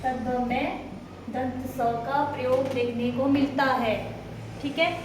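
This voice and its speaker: Brief: woman teacher, high voice, lecturing a classroom, echoey room, mic far off. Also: fairly even intonation, takes it slowly, background noise. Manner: questioning students, drilling answers. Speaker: Hindi teacher.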